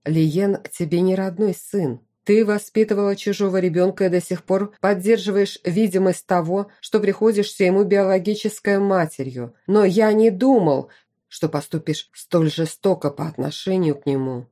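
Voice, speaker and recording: Stern duke read by a woman, commanding, middle-aged father, audiobook, mellow tone. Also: mid-range voice, normal speed, natural voice. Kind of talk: audiobook character reading.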